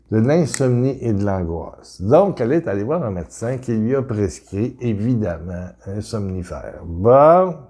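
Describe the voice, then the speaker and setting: A middle-aged man with a Québécois accent gives an informal spiritual talk, reading viewers' letters aloud in a halting way with many restarts. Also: fairly low pitch, mellow. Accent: Québécois French.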